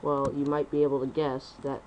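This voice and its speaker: A young man rambling through casual gameplay commentary at home on a computer mic, talking fast and correcting himself. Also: medium pitch, monotone, dull audio, slight background noise. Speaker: gaming commentator.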